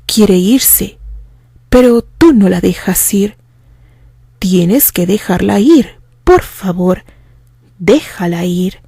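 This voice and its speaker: A woman voicing a gentle young woman who speaks softly and slowly, calm but menacing. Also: medium pitch, gravelly, husky, no echo, clean studio sound, full character voice.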